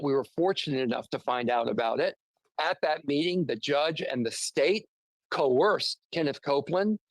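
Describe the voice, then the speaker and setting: Male attorney, raised pitch, dry close sound, argumentative, emphatic, interview answers. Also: no room sound, rough recording. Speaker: defense attorney being interviewed. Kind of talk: remote news interview. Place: near a road with passing traffic.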